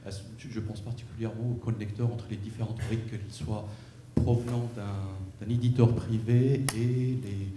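A man's voice: fairly low pitch, steady tone, normal speed, background noise. A man in the audience asks the speaker a question at a conference, correcting himself as he goes. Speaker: audience member asking a question. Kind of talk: question from the floor. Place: large conference room. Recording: echoey room with faint ambience.

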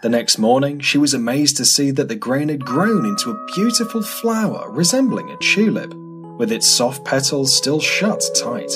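A man narrating an animated fairy tale in an expressive, scripted storybook style. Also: mid-range voice, normal speed, loud music behind the voice. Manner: expressive, sing-song.

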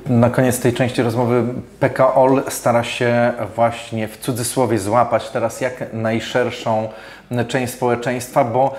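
A man's voice: mid-range voice, little pitch movement, a little slow, a little mellow. A man in his forties hosting a radio interview, asking long conversational questions in an office studio on a lapel mic. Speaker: radio host. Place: office studio with glass table. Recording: roomy echo.

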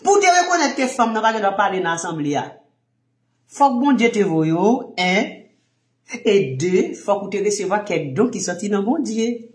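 A man with a Haitian accent, a minister teaching in an impassioned sermon, firing rhetorical questions and swinging from low murmurs to shouts. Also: very animated, normal speed, roomy sound.

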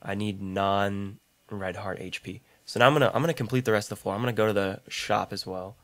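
A young gaming YouTuber with a deep voice and a slightly rough throat chats casually through gameplay commentary, rambling and self-deprecating, in a steady tone at a slightly fast pace. He records on a large condenser studio mic, which picks up audible mouth clicks.

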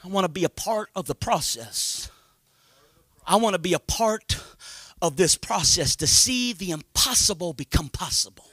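High-voiced shouting pastor. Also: male voice, expressive, normal speed, slightly rough, no echo, studio quality. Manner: swings from hushed to shouted, repeats amen and hallelujah. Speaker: senior pastor. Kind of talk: Pentecostal preaching.

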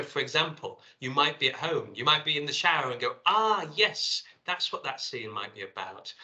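A man's voice: medium pitch, pushed and bright, rough recording. A middle-aged man giving a seminar presentation, talking through his slides and reading his field notes aloud. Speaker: lecturer.

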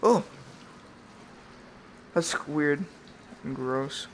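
A man's voice: fairly high pitch, very slow, a bit bright, slight background noise. A man live-streaming a horror game on a headset mic, reacting in a scared, jumpy way with goofy asides and mild swearing. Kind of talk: casual live-stream commentary while playing a horror game. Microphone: VR headset microphone.

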